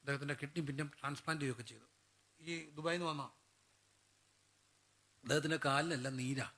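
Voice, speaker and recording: A man's voice: on the high side, fairly even intonation, fast, pushed and bright. A man preaching a sermon. He keeps putting questions to the congregation and answering them himself.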